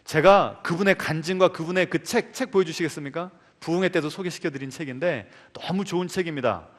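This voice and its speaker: A man's voice: a little high, fairly quick. A male pastor preaching a sermon, telling a story and putting questions to the congregation. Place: church sanctuary. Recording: long church reverb.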